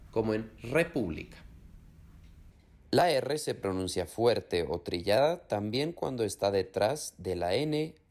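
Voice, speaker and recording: A man teaching a beginners' lesson on Spanish pronunciation, saying example words slowly and clearly. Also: on the low side. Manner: clear, slow demonstration of sounds.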